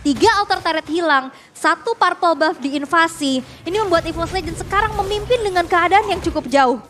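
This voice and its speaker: A woman's voice: very high-pitched, moderate pace, fairly bright tone, a little hiss or hum. A woman with an Indonesian accent giving analytical commentary on an esports match. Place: broadcast casting of a mobile game tournament. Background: music.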